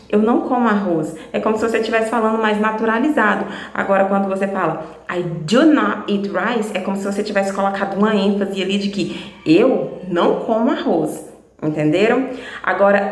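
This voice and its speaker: A woman's voice: medium pitch, reverberant. A woman teaching English online in a chatty way, repeating examples and speaking straight to her viewers. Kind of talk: casual online lesson.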